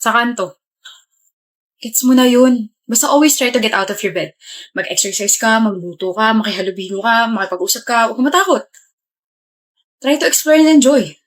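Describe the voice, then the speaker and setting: A woman playing a blunt, teasing young man in a comedy skit, with a deadpan manner. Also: on the high side, normal speed, pauses often, lightly acted.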